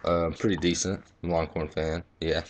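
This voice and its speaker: A young man tells his umpiring stories in a low, deep voice, blunt and full of swearing. The talk is loose and casual, like a home video vlog, with faint clicks in the background. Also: little pitch movement, normal speed, slight background noise. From Texas. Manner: profane, blunt, boastful storytelling. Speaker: baseball umpire.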